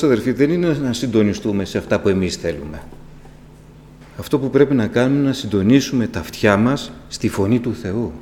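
A male preacher delivers a sermon in a church hall, speaking with passion and lifting his voice sharply as he presses a point. He turns to the congregation with rhetorical questions, his pitch sitting in an ordinary middle range for a man. The recording carries a long reverb and a faint hum underneath. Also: darkish tone. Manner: impassioned, with sudden rises in pitch and volume; asks rhetorical questions and addresses the congregation directly.

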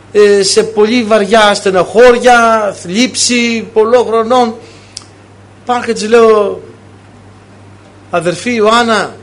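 A man preaching a sermon to his congregation, piling up rhetorical questions and acting out short exchanges in shifting voices. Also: high voice. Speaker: priest.

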